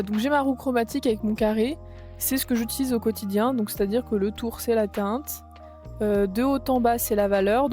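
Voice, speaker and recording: A woman's voice: a little high, warm tone. A young woman chatting casually while playing a color game, full of fillers and self-corrections. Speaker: YouTuber.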